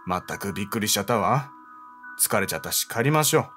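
Picture a sharp-tongued woman guide who scolds and looks down on the player, as a man reads her lines in a game. The pitch rises and falls a lot as she talks. Faint music plays underneath. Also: animated, quick pace. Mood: disapproving. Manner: haughty, feminine speech, scolding. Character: blunt, sassy adult woman guide.

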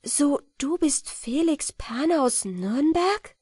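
Brief: woman reading a noble countess, high voice, formal old-fashioned speech, emotional. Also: lively intonation, normal speed, a little mellow, no room sound, studio quality. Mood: moved.

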